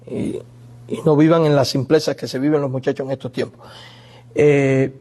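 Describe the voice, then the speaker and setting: A man's voice: mid-range voice, little pitch movement, moderate pace, dark tone. A male pastor preaching a sermon, telling a family story and acting out the pleas he quotes.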